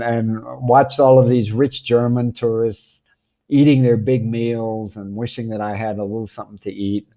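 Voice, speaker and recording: A man's voice: fairly low pitch, dull audio. An older man telling children a rambling personal travel story, full of ums, restarts and chuckles.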